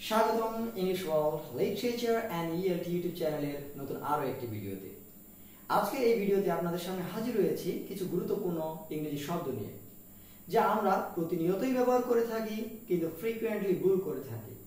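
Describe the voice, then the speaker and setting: A man's voice: high-pitched, sing-song, brisk, a little mellow, far from the mic, a little hiss or hum. A man running a pronunciation lesson, spelling words out letter by letter and repeating them, asking his listeners what each word is. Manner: mixes Bengali and English, asks "what is it?". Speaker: English teacher. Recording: very echoey room, voice from off-mic.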